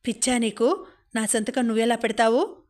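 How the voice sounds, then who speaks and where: A woman's voice: fairly high pitch, normal speed, a little mellow, natural voice. A woman voicing an angry young woman in an audiobook, snapping back in short lines.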